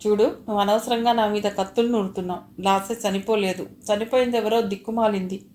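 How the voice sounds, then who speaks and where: A woman's voice: mid-range voice, fairly even intonation, brisk, darkish tone, a little hiss or hum, lightly acted. Woman voicing a bewildered man, defensive, pleading, audio novel, roomy echo. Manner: confused, pleading.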